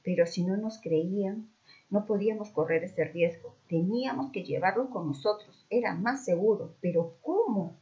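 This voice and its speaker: A woman's voice: mid-range voice, normal speed. Woman reading a storybook aloud. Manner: expressive, acting out dialogue. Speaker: narrator. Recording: dull muffled recording.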